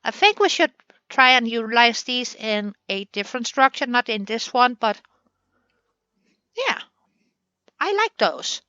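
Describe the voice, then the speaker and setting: A woman's voice: a little high, sing-song, measured pace, pauses often, sharp tone, smooth, no echo, dull audio. A woman hosting a gaming channel, chatting through a building session in a playful way and talking to the game pieces as she works.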